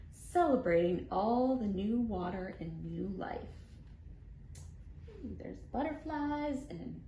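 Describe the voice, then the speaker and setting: With a mellow, medium-pitched voice, this female storytime host reads a rhyming picture book expressively for young kids. She's a children's librarian whose delivery is unhurried, sing-song and playful with sound words, recorded in an echoey room with slight background noise.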